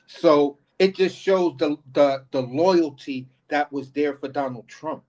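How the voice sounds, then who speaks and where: Male co-host, slightly high voice, emphatic and profane. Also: takes it slowly, darkish tone. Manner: emphatic, profane, repeats himself. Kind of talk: casual political commentary.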